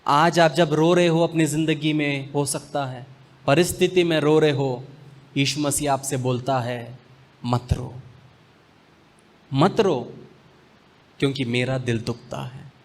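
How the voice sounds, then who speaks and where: A male pastor preaching a sermon, slipping English phrases in among slow, weighty pauses. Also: fairly high pitch, steady tone.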